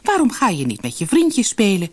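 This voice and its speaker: A woman's voice: huge pitch swings, moderate pace, breathy edge. A woman voicing a worried mother calling for her young son in a read-aloud fairy tale. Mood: scolding. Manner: calling out, high and urgent. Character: worried loving mother of a small boy.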